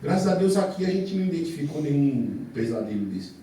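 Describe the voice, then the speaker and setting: A man's voice: on the high side, very animated, brisk, mellow. A Brazilian man preaching a fervent church sermon, emphatic, repeating phrases and throwing out rhetorical questions. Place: church service before a congregation. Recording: very echoey church hall, distant mic, faint noise.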